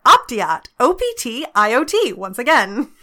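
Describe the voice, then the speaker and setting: A woman's voice: on the high side, big pitch swings, a little slow, sharp tone. A woman hosting a podcast in a casual, chatty style. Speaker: podcast host.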